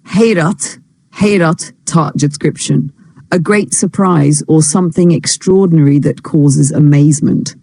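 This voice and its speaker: A teacher reads a textbook lesson at a very slow, deliberate pace. The voice is mellow and dark with a gravelly edge. The sound is dry and close. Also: mid-range voice, no room sound. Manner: reads each English phrase, then gives its meaning. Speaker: English teacher. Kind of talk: reading a textbook lesson with translation.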